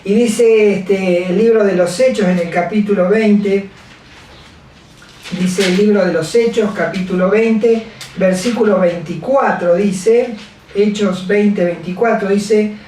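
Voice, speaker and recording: A woman delivers a sermon in a halting way. She repeats chapter and verse and leans on fillers. Her voice rings through a very reverberant church hall, picked up from far off. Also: medium pitch, steady tone, mellow, slight background noise. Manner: halting, repeats scripture references, many fillers. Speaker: preacher. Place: large echoey church hall.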